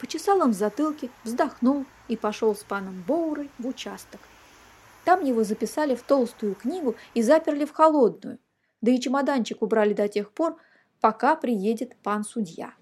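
A woman reading a children's fairy tale aloud in a lively, expressive storytelling manner. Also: fairly high pitch, moderate pace, slightly rough.

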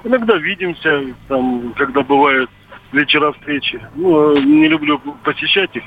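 Man in his 50s on a tinny landline phone call, halting, lots of uhs, bit of line hiss. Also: fairly high pitch, expressive. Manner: hesitant, filled with "uh" pauses and hedging phrases. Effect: heard over a landline phone. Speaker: caller. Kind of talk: telling a story to a radio host.

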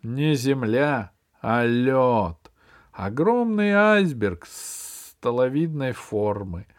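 A man reading a children's adventure story aloud in the first person, with lively storytelling that drops low and soft at the ends of phrases. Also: drawn-out words. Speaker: audiobook reader.

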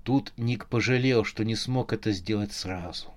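Man narrating a comic horror audiobook. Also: on the low side. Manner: measured, expressive reading.

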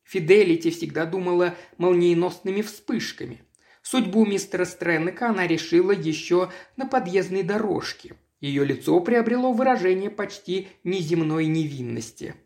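Measured narrator for a literary audiobook; mid pitch. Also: expressive, darkish tone.

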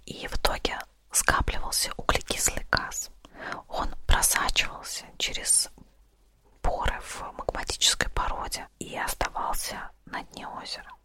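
Soft whispered ASMR podcast storyteller. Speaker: podcast host.

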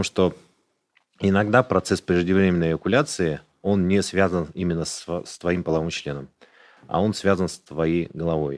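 A man, a urologist, explaining medical matters in a casual podcast conversation, matter-of-fact and detailed. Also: low-pitched. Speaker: urologist guest.

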